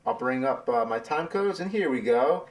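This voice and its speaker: A man's voice: mid-range voice, expressive, moderate pace, a little hiss or hum. A rambling, laid-back man explaining his editing. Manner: loose and rambling, full of fillers. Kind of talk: casual behind-the-scenes explanation.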